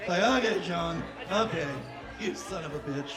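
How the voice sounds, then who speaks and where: A man in his fifties with a high voice tells a joking, chatty story as emcee, laughing as he goes. He speaks into a stage mic in a small club, taped from far off in the audience. The room echoes and a crowd murmurs behind him. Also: moderate pace. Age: 50s. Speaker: event emcee. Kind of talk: casual stage banter and storytelling. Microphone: stand mic on stage, taped from the audience.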